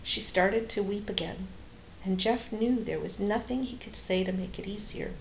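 A woman calmly reading a novel aloud at home while doing a craft. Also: mid-range voice, normal speed, creaky, echoey room, muffled recording, slight background noise. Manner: calm, steady narration. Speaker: reader and crafting channel host.

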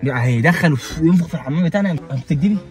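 A young Egyptian man speaks very fast with a slightly high voice. He sounds exasperated in casual conversation and keeps firing the same questions back. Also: animated, soft background music. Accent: Egyptian Arabic. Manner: exasperated, quick, repeats questions. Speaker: vlogger husband.

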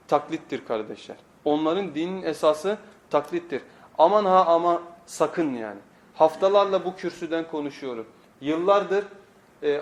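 Male preacher, high-pitched voice, emphatic and instructive sermon delivery, recorded in a reverberant room. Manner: emphatic, didactic, rhetorical questions to the congregation. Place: echoing indoor room, speaking from a pulpit. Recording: echoey room.

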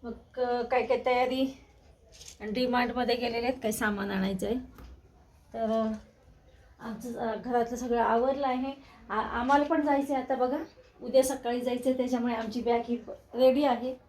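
Chatty older woman, slightly high voice. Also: steady tone, normal speed, darkish tone, a little hiss or hum. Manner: chatty, talks to toddler in coaxing tones. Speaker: vlogger. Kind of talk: casual home vlog chat. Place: home.

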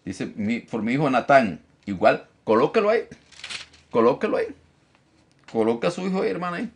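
A man teaching a Bible study as pastor, animated, often repeating phrases and checking in with his listeners. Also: a little fast, gravelly, husky. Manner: lively, animated teacher who mimics critics in a high mocking voice. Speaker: pastor teaching a discipleship class.

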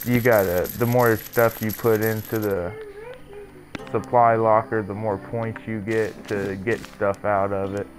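A man's voice: on the low side, little pitch movement, a little slow, faint music behind. A man giving crude, joking, laid-back commentary while streaming a game. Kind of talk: casual live game commentary.

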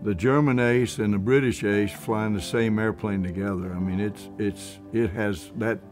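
A man with a lowish voice speaks earnestly and with enthusiasm, circling back over his points. Faint plucked guitar music plays behind him. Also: steady tone, normal speed, a little mellow. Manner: earnest, enthusiastic, repeats himself. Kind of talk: casual interview.

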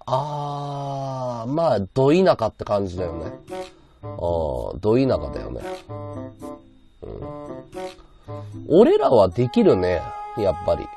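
A man's voice: medium pitch, huge pitch swings, slow pace, long pauses, over music. A man streaming live, chatting casually and answering his viewers' comments aloud. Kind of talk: casual livestream chat.

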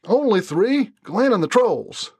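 Brief: man putting on a surly Deep South man, slow drawl, high-pitched, curt. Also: big pitch swings, creaky, a little mellow, breathy edge, no room sound, clean studio sound, full character voice. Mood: dismissive.

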